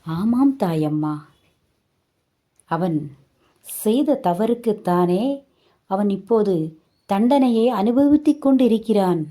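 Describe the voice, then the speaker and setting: A woman voicing a kindly old village grandmother who gently consoles and urges calm. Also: mid-range voice, slow pace, pauses often, pitched above the performer's own voice. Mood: consoling.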